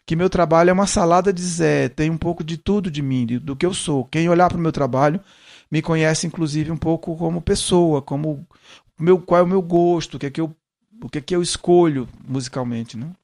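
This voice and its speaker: A man with a blended accent from Ceará, Pernambuco and São Paulo chats about his music. His voice sits a little higher than most men's, and he often stops mid-thought to reach for the right word. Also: darkish tone. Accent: Brazilian Portuguese, mixing Ceará, Pernambuco and São Paulo accents. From Ceará, Brazil. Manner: reflective, searching for words with frequent pauses. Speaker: musician guest. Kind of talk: casual interview chat.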